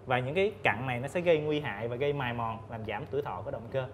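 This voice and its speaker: A man's voice: medium pitch, a little hiss or hum. Man explaining engine oil step by step. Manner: measured, explains step by step with many fillers. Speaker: lubricant expert guest. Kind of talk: explanatory panel talk. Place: indoor TV studio set. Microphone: lapel mic.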